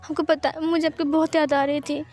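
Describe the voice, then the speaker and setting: A woman's voice: high voice, little pitch movement, fairly quick, a little mellow, close to an everyday voice. A woman voicing an affectionate young man who speaks tenderly and pleads with his lover.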